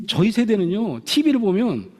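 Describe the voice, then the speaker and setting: Man giving a lively motivational lecture. Reads as middle-aged. Voice sits high and moves around a lot. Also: normal speed, long reverb tail. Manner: lively, acts out parent and child voices. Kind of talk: motivational talk on communication.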